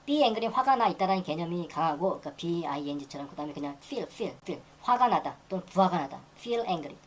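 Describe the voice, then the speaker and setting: A woman teaching English grammar in a lecture, repeating phrases and reading example sentences very slowly. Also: on the low side, lively intonation, a little hiss or hum, low-quality recording. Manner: repeats phrases and restarts while explaining.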